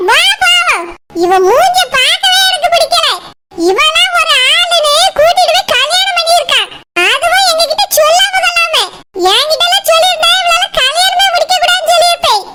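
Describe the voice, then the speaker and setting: A shrill, sky-high cartoon voice of a domineering older woman with a Kanyakumari Tamil accent, scolding and issuing orders. Heavy hiss and noise sit loud under the whole recording. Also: brisk. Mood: angry, commanding. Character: stern, domineering older Tamil mother and aunt. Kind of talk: cartoon voice acting.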